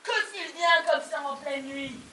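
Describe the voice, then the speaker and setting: A woman on a theatre stage playing a bossy, exasperated mother of the bride who shouts and interrogates. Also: high-pitched, steady tone, measured pace. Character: bossy, frantic middle-aged mother of the bride. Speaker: stage actor. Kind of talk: live stage comedy acting. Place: farm theatre stage, live audience. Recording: echoey room, far off, faint hiss.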